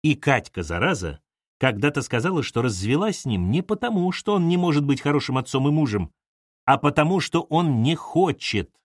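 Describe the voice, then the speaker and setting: A man's voice: a little high, big pitch swings, normal speed, dry recording, clean studio sound. A man reading an audiobook aloud, narrating expressively and acting out the dialogue. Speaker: audiobook reader.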